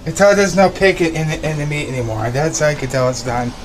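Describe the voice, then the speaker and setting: Fast-talking with a fairly high pitch and fairly even intonation, a young man vlogs casually while he cooks, cheerful and rambling with repeated words. A phone at arm's length captures him in his small kitchen and bedroom, along with a little hiss or hum.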